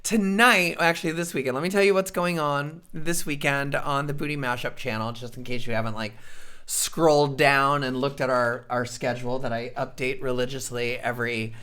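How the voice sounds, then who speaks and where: A woman's voice: rumbling low, steady tone, moderate pace, fairly bright tone, clean tone. A jet-lagged woman hosting a live stream in casual chat, rambling in a scattered way, swearing and laughing often. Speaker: livestream host.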